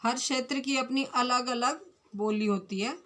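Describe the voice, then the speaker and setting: A woman's voice: high voice, fairly bright tone. Hindi grammar teacher, a patient woman. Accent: Punjabi. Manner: explains slowly and repeats corrections. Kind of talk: online school lesson.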